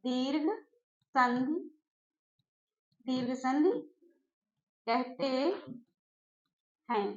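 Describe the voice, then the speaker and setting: A woman teacher giving an exam-prep grammar lesson, slowly repeating key phrases and putting questions to her students. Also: high-pitched, steady tone. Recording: echoey room, dull lo-fi sound.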